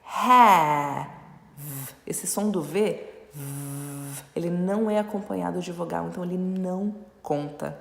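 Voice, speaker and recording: Low, gravelly woman teaching in an echoey room. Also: normal speed, mellow, a little hiss or hum. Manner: explanatory, frequent "ok?" and "né?" check-ins. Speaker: English teacher. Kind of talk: online English lesson. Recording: echoey room with long reverb.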